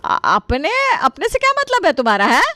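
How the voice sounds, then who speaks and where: A woman's voice: medium pitch, unhurried, fairly bright tone, dry recording. A woman voicing a scheming, stingy middle-aged mother-in-law who stammers when flustered.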